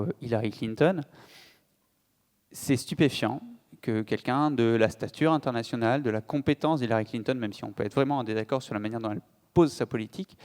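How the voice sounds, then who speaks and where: A man's voice: medium pitch, a little mellow, clear, resonant tone. A man giving a political conference talk, hesitant with frequent fillers and restarts. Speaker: conference speaker. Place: conference hall. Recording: long hall reverb.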